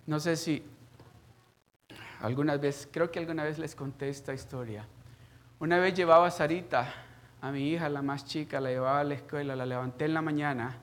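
A middle-aged man preaching a sermon, telling a personal story in a conversational way that swells into loud, emphatic passages. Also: a little high, steady tone, normal speed. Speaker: pastor.

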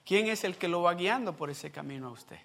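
Bright-voiced man preaching a sermon. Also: high-pitched, expressive, fairly quick, gravelly. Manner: conversational, asks the congregation questions. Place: church service.

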